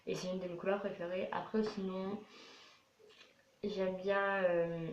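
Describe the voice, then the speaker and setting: A young French vlogger, twelve years old, rambles casually and repetitively as she answers questions to camera. She speaks at a measured pace in a lowish voice with little pitch movement, recorded with a dull, echoey quality and faint noise.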